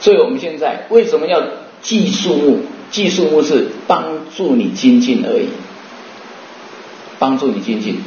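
Male dharma teacher, questioning and unhurried, slightly high-pitched, in a reverberant room. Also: animated, mellow, a little hiss or hum. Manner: rhetorical questions, slow chanting demonstrations. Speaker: Buddhist teacher. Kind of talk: dharma talk. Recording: roomy, muffled recording.

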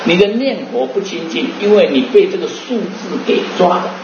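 A man's voice: high voice, expressive, background noise. Man giving a roomy dharma talk. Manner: rhetorical questions, slow chanting demonstrations. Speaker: Buddhist teacher. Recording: roomy, muffled recording.

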